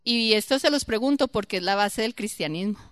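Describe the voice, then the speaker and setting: Lively woman teaching church. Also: medium pitch, fairly quick, no echo, clean studio sound. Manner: lively, acts out quoted voices, asks the group questions. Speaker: Bible teacher.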